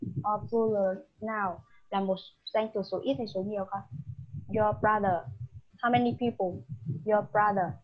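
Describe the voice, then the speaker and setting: A woman's voice: medium pitch, measured pace. A woman tutoring a child in English one-on-one, patient and coaxing, switching between languages as she explains. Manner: patient, coaxing teacher mixing languages, lively when explaining. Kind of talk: one-on-one online English lesson. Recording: dull lo-fi sound.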